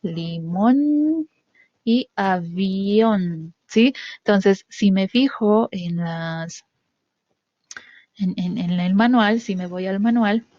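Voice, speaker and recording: A woman's voice: medium pitch, slow, pauses often, darkish tone, dry recording, muffled recording. A woman demonstrating a test procedure step by step. She often checks in with "¿sí?", uses many fillers, and stresses key sounds. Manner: repeats "¿sí?" to check understanding, with frequent fillers. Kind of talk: instructional walkthrough.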